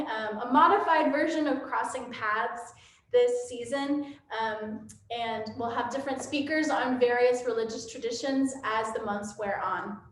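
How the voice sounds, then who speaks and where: A woman's voice: high voice, a little hiss or hum. Woman with a cathedral echo. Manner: halting, with frequent ums. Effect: cathedral echo from a large church hall. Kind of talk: church announcements to a streamed congregation. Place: church sanctuary. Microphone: room microphone for a livestream. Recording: heavy echoey church room.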